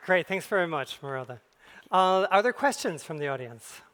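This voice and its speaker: A man's voice: on the high side, animated, normal speed, a bit bright, slight background noise. A man casually moderating audience questions at a live event. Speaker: session moderator.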